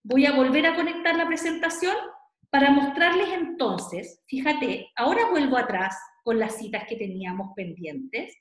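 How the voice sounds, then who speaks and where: A woman's voice: high voice, animated, normal speed. A woman with a Chilean Spanish accent teaching an online class, explaining patiently and often checking in with her students. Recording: very echoey room.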